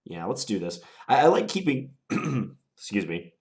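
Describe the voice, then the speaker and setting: A man plays chess and commentates on himself, his very low voice thick with a cold. Though very animated, his analysis stays deliberate, musing and unhurried as he weighs each possibility aloud.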